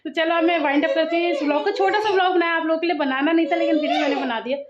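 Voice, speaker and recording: High-voiced young mom vlogging at home. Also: female voice, rapid-fire. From India. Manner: chatty, playfully scolding her kids, often laughing. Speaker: family vlogger and mother. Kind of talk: casual home vlog chat. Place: family home indoors. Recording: muffled phone audio with clear background noise.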